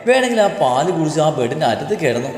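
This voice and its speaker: A man voicing a feisty, sharp-tongued young bride in a storybook reading, answering back with defiant, mocking retorts. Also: a little high, big pitch swings, fast. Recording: echoey room with long reverb, faint music.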